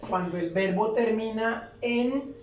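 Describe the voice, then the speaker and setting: A woman teaching a lesson, explaining step by step and repeating each example slowly and deliberately. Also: fairly high pitch, darkish tone. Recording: roomy echo, distant from the mic, faint background hum.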